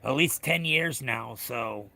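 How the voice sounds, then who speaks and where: American guy, middle aged, super raspy whiskey voice, hard bright edge, rambling blunt chat on a livestream. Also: medium pitch, slow pace, slight background noise. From United States. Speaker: livestream host. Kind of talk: casual chat with viewers.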